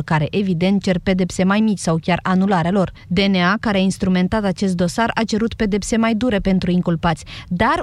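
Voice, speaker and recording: A radio correspondent delivering a scripted court report, clear and measured. The voice is mid-pitched and recorded dry. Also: darkish tone, dry recording. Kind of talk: news report.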